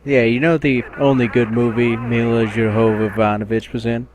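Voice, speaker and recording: A man co-commentating a let's play as a guest, giving dry, deadpan replies. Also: medium pitch, a little slow, background noise. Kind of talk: casual commentary over gameplay.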